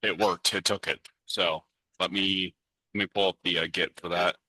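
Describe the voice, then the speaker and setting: Guy on a video call w/ tinny crunchy low sample rate audio, halting with lots of uhs, dry and close. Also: level tone, bright, forceful tone, no echo. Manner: halting, with fillers and restarts. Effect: tinny, mechanical low-sample-rate audio. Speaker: meeting participant. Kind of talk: casual technical chat.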